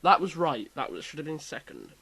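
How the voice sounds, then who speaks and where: A man hosting a casual quiz chat, reading out questions with lively emphasis. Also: on the high side, brisk, gravelly, breathy edge. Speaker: quiz host.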